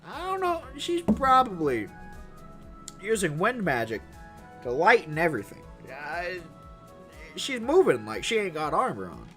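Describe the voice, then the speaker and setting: Animated, swearing male streamer narrating a story. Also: high voice, measured pace, pauses often, soft background music. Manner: casual, profane, jokey running commentary. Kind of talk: live-stream reading of an interactive story with asides.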